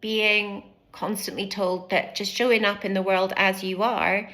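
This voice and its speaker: A British woman in her fifties speaks to camera about her own life, a former family doctor with a bright, ringing voice. She talks candidly and restlessly, moving as she speaks and slipping into little acted-out quotes of what others said to her. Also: mid-range voice, measured pace. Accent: British English. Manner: candid, animated, acts out quoted speech; fidgets and moves while speaking. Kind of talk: personal vlog storytelling to camera.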